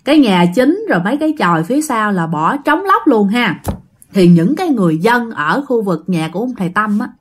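A woman's voice: mid-range voice, big pitch swings, brisk, slight background noise. A woman with a Southern Vietnamese accent narrating a ghost story in a chatty storytelling style, often speaking straight to her listeners. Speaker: storyteller host.

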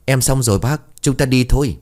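A man voicing a dim, cheeky young male sidekick in a spoken ghost story, with a whiny, excitable voice. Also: a little fast, natural voice. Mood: excited. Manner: whiny, excitable, high-pitched.

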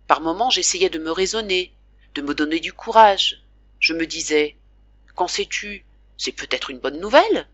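A woman narrates a classic novel for an audiobook, reading slowly with emotional, dramatic weight. Her voice is bright and ringing, and it is recorded close and dry with no room sound. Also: on the low side, no echo, lo-fi sound. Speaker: audiobook reader.

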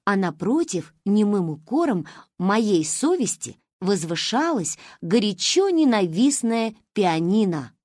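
A woman narrating a story in an expressive, playful storybook reading. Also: mid-range voice, slow pace, dry recording, studio quality. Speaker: audiobook narrator.

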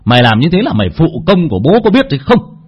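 A man voicing a poor middle-aged father who stammers and turns gruff in a storybook tale. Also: on the high side, big pitch swings, fast talker, dull audio, pitched above the performer's own voice. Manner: stammering, heartfelt.

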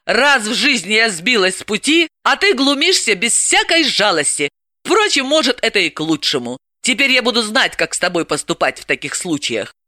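A woman's voice: medium pitch, very animated, normal speed, bright, forceful tone, no room sound, studio quality, voice pushed up. A woman reader voicing an indignant, ironic female psychoanalyst. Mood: exasperated. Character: exasperated sharp-tongued woman psychoanalyst.

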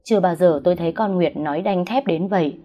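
A woman's voice: lowish voice, fast talker, dark tone. A woman narrating a first-person audio drama story with a dramatic, emotional reading. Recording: dull lo-fi recording.

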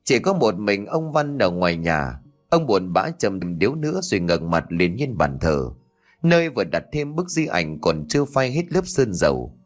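A man narrating a ghost story in a dramatic, expressive storytelling manner. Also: deep voice, normal speed, soft background music.

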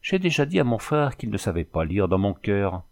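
A proud young native woman from an old adventure storybook, as a male reader puts her on, calm, solemn and prophetic. She talks in measured, grave phrases, lifted higher than the reader's own low voice. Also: vocal fry. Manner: solemn, measured, speaks of herself by name.

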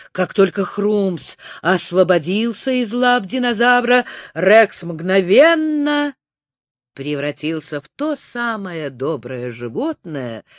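A man narrating a children's book in an expressive storytelling manner. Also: high-pitched, no echo, studio quality. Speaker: audiobook narrator.

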